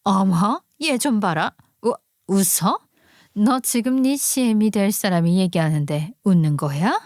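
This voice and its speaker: A woman's voice: mid-range voice, lively intonation, a little slow, darkish tone, dry recording, lightly acted. Woman playing a condescending older mother-in-law, nagging, audio drama, dry close mic. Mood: indignant. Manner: nagging, condescending, exclamatory scolding. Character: overbearing older prospective mother-in-law, haughty and scolding. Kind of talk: audio story drama reading.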